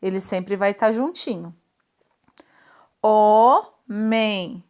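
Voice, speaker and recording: Woman, teacher, slow careful pace, fairly high voice, drawn-out example words, children's spelling lesson. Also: lively intonation. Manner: checks in often with tag questions.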